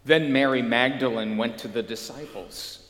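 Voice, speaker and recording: A man co-reading a dramatized scripture passage, expressively retelling each line. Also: mid-range voice. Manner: slow, expressive retelling of lines. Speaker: co-reader. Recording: echoey hall with long reverb.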